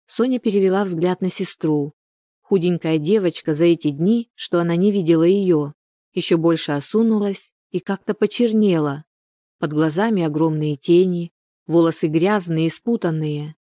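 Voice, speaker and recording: A woman narrating a novel in an even, measured storytelling manner, close to the mic. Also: on the low side, dry recording. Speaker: audiobook reader.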